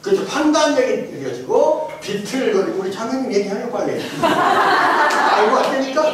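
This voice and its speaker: A middle-aged man, a pastor teaching his congregation, quizzing them with jokes and laughter, then building to emphatic shouted refrains. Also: very high-pitched, very animated, moderate pace. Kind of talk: interactive sermon teaching. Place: large church hall with congregation. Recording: echoey hall, distant mic, congregation audible.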